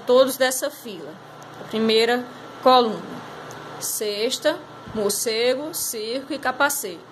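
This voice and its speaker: A woman's voice: a little high, a little hiss or hum, low-quality recording. A woman teacher going over a class exercise, patiently explaining step by step and drawing out words. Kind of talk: recorded class lesson correcting exercises.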